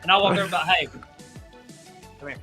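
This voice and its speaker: A man's voice: high-pitched, a little fast, loud music behind the voice. A man, chatting bluntly and jokingly about his shop, often repeating himself. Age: 30s. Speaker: guest, shop owner. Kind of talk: casual interview chat.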